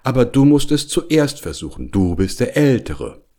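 A man's voice: mid-range voice, big pitch swings, moderate pace, warm tone, voice pushed up, close to an everyday voice. A man doing a fussy, vain bear. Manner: grumbling, fussy about his collar. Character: vain, lazy male collar bear, eager for honey. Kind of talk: storybook reading for children.

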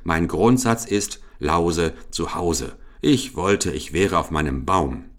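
A man with a deep voice voicing a grumpy, fussy old male monkey who grumbles slowly and reluctantly in a storybook tale. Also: lively intonation. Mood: grumbling.

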